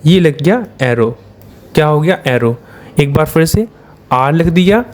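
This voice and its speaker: The shorthand lesson comes from an Indian-accented man whose fairly high, darkish voice carries lively intonation at an unhurried pace. He patiently repeats points, working step by step and answering the very questions he puts to his students.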